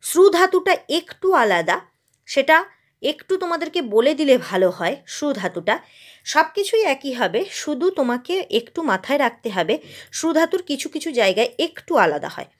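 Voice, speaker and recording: A woman's voice: high-pitched, very animated, normal speed. A woman from West Bengal teaching a Sanskrit grammar lesson, asking her own questions and drilling verb forms.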